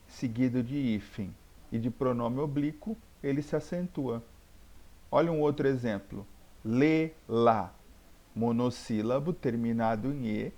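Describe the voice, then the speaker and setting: A man's voice: medium pitch, dark tone. A man teaching a grammar lesson, explaining patiently and repeating key points. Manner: slow, patient explaining with repetition. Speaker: Portuguese teacher.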